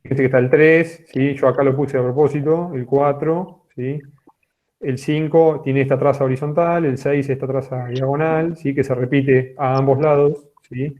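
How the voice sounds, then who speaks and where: A man's voice: medium pitch, fairly even intonation, moderate pace, darkish tone. A man teaching a geology class online, explaining step by step and checking in often with a questioning "sí". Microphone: computer microphone on a video call. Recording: tinny phone-like online call audio.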